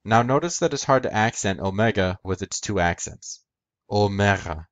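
A man with a fairly low voice delivers a scripted lesson, walking through each point in careful order. The sound is dry and close, with no room around it. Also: animated, moderate pace, no echo. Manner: methodical, step-by-step explaining. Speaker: educational video host. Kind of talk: scripted explanatory narration.

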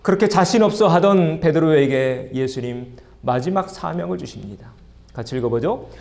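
Gravelly-voiced Korean pastor preaching a sermon. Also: male voice, on the high side, lively intonation, normal speed, darkish tone. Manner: asks the congregation questions and leads group reading. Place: church sanctuary.

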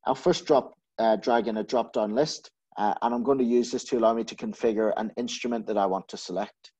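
A man with a low, slightly husky voice talks through a software demo step by step. His tone is dark and mellow, and he fills pauses with plenty of ums and uhs. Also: fairly even intonation. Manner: methodical, lots of filler sounds. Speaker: solutions architect giving a software demo. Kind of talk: screen-share product walkthrough.

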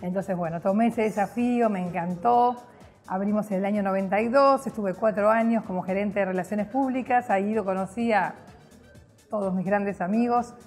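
Seated in a hotel lobby with soft music in the background, a middle-aged woman from Argentina recounts her PR career directly to camera. Her Argentine Spanish is cheerful and chatty, loaded with fillers, in a darkish mid-range voice at normal speed.

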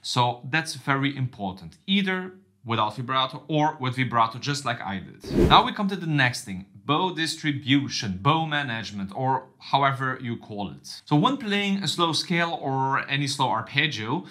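A man teaching a cello lesson, speaking directly and warmly to viewers, calling them his friends, with slightly unusual English phrasing. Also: medium pitch, very animated, normal speed, few pauses. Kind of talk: instructional video lesson.

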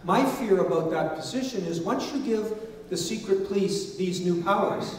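A man's voice: sits high, moderate pace, a little mellow. A middle-aged man speaking earnestly and emphatically at a public forum, often restarting his sentences. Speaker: panelist at a public consultation. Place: large church hall. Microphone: stand mic, filmed by a far camera. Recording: echoey hall, voice picked up from far off, faint noise.

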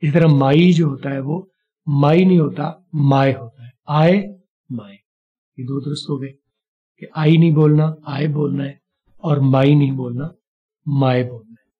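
Husky man teaching English, lo-fi. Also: fairly high pitch, fairly even intonation. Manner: explanatory, repeats points, slows down for English examples. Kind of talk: casual spoken-English lesson.

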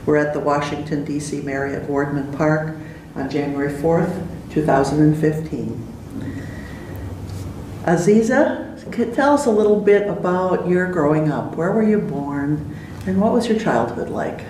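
A woman law professor interviewing a colleague for an oral history, asking calm, measured questions. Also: sits low, slight background noise. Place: hotel meeting room. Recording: roomy, distant microphone.

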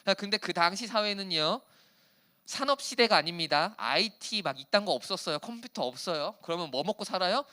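A male youth pastor in his thirties preaches to teenagers in a lively, teasing way. His voice is high and bright, and his pitch swings widely as he talks. He drops into chatty asides with the kids between points. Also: a little fast. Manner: animated, teasing the teens in casual speech. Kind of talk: youth sermon. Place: church hall.

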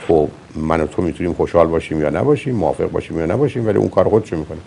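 A man's voice: deep voice, animated, vocal fry, background noise. A man hosting a call-in advice show as a psychologist, blunt and lecturing with his caller. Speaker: psychologist host.

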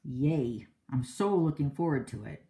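A middle-aged woman hosts a card-making livestream, chatting casually with her viewers in a loud, outspoken way and laughing a lot. Her voice is medium in pitch and animated, and she speaks at a measured pace.

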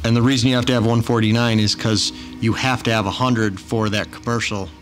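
A man's voice: mid-range voice, steady tone, a little fast, over music. A man on a zoning board asking direct, clarifying questions at a public meeting. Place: town hall meeting room.

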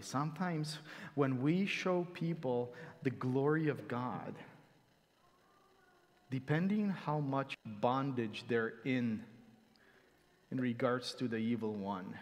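A male pastor preaching a sermon, animated and acting out quotes with sudden loud exclamations, recorded in a church sanctuary. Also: mid-range voice. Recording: church hall reverb.

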